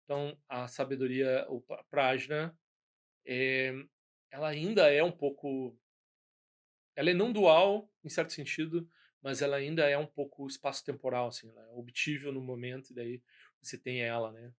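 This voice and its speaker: A man's voice: medium pitch, steady tone, moderate pace. Brazilian male Buddhist teacher, informal lesson, rambling delivery, frequent self-corrections and tag questions. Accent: Brazilian Portuguese. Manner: rambling, many restarts and "né?" tags.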